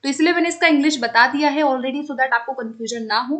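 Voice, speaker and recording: A woman's voice: high voice, fast, a bit bright. A woman teaching an online exam-prep class, explaining step by step, checking again and again that students follow, and mixing English terms into her talk.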